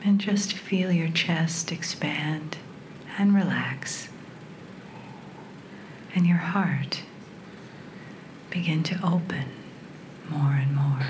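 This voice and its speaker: Low, soft, whispery woman guiding meditation. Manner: soft, breathy, soothing half-whisper; slow, with long pauses between short phrases. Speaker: guided meditation leader. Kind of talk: guided meditation. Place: in a room with a group. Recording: clearly noisy recording with low rumble.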